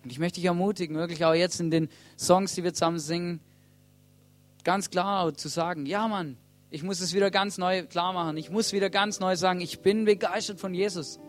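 A man's voice: high voice, fairly even intonation, a little fast. A man preaching a sermon from a church stage, earnest and urging, putting questions to the congregation and often starting with "hey". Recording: soft guitar music playing behind.

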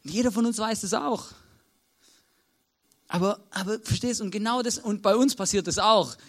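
A man's voice: high voice, moderate pace, a bit bright. A man with an Austrian accent preaching a sermon in a conversational way, checking in with listeners after nearly every sentence. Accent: Austrian German.

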